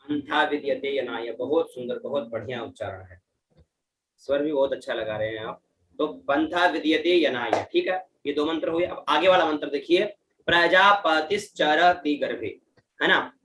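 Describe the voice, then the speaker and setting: A man teaching Vedic mantra chanting, patiently spelling out each syllable and its pitch accent. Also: moderate pace, a bit bright. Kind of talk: teaching Sanskrit mantra pronunciation. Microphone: online class setup. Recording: roomy echo, distant from mic, faint background noise.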